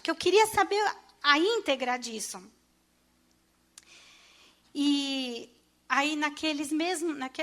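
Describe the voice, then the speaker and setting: A middle-aged Brazilian woman giving an emotional personal testimony in a church, halting and restarting as she speaks. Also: high-pitched, a bit bright.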